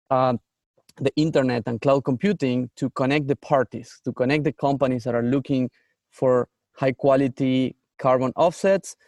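A man's voice: medium pitch, a little mellow, no echo, studio quality. A man from Argentina, a startup founder answering interview questions earnestly, with frequent fillers and restarts.

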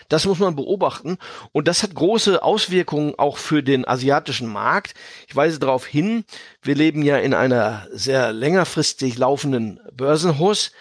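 A man speaking as an expert podcast guest, explaining in a measured, conversational way with genteel phrasing. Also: fairly high pitch, dry recording, studio quality. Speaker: podcast guest, fund manager.

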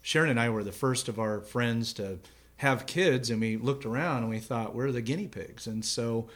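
A man's voice: medium pitch, normal speed, fairly bright tone. A middle-aged man hosting a casual chat, easygoing and self-deprecating, once a middle school teacher. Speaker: host.

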